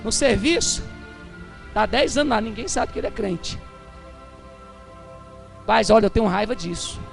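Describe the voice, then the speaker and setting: A man with a Brazilian Portuguese accent preaching a Pentecostal sermon, moving from chatty storytelling to fervent shouting. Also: high-pitched, animated, moderate pace, creaky, faint music behind.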